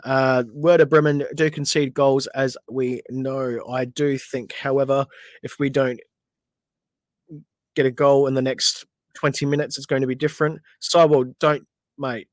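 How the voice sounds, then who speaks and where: A man's voice: mid-range voice, little pitch movement, a little slow, no echo. Australian man, podcast host, chatty livestream football commentary, mid-range voice, dry close sound. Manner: chatty, frustrated asides at players, reads viewer questions. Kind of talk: casual livestream match commentary.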